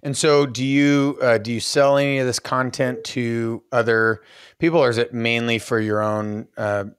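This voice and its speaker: A man's voice: medium pitch, level tone, moderate pace, clear, resonant tone, no echo. A man in his thirties hosting a podcast from a home studio, asking long, rambling questions full of fillers. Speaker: podcast host. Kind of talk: casual interview. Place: home room with bookshelf. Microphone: podcast mic on boom arm, headphones.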